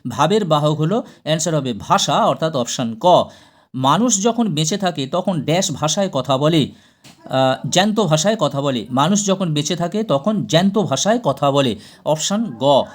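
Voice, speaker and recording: Guy teacher going thru exam quiz answers, kinda high voice, lists options then gives answer. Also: expressive, moderate pace. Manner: reads options in a list, then states each answer. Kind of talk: exam prep lesson reading quiz questions.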